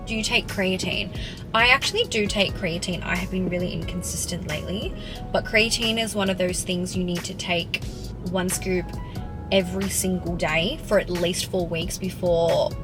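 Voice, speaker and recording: A woman's voice: fairly low pitch, fairly even intonation, moderate pace. A young Australian woman in her twenties answering viewer questions in a casual vlog, chatty and full of "like". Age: 20s. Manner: chatty, peppered with "like". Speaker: fitness vlogger. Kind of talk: casual Q&A to camera. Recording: music playing underneath. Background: background music.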